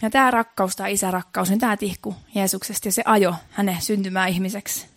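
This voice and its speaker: A woman's voice: mid-range voice, fairly even intonation, no echo. Earnest woman preaching in a dry room. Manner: earnest, repetitive, building emphasis. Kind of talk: sermon.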